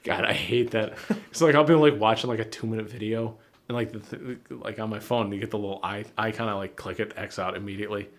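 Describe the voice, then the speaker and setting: Laid-back low-voiced male co-host. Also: fairly even intonation, fast talker. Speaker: podcast co-host. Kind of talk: casual chat.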